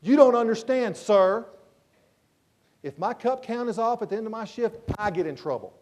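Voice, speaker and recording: A by-the-book fast-food manager, as a male speaker acts him out in a story, politely firm and unbending about the rules. His voice is high for a man and pushed a little louder. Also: lively intonation.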